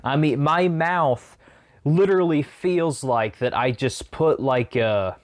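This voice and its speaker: A man's voice: on the high side, takes it slowly. A man talking casually to camera as a food challenge vlogger while eating sour candy.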